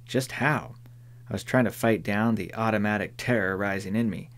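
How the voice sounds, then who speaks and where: A man narrating an audiobook in a measured storytelling manner. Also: lowish voice, steady tone. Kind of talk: scripted narration.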